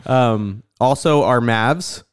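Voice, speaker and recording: A man's voice: mid-range voice, takes it slowly. A man co-hosting a casual podcast chat, joking and laughing often as he talks into a close mic. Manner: jokey, laughs often, animated asides. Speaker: podcast co-host.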